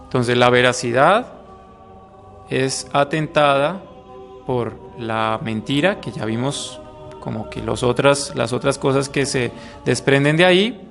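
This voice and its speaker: Priest teaching catechism. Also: male voice, mid-range voice, measured pace, vocal fry, fairly bright tone, soft background music. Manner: conversational, acts out little quoted voices, asks "¿mm?" often. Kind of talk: catechism class talk. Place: room with a live audience.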